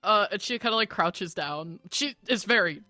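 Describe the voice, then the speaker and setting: A woman playing her character at a tabletop game, with a bright, keen tone and a voice that jumps around a lot in pitch. She stumbles and restarts often, filling gaps with "uh" and "um". Soft music runs faintly behind her. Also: lively intonation, normal speed. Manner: hesitant, with many "uh"s and restarts. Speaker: player.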